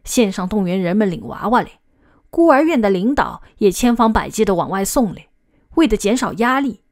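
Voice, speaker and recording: A woman's voice: medium pitch, very animated, moderate pace. A woman voicing a friendly, easygoing adult man in an audiobook, talking in a reassuring way.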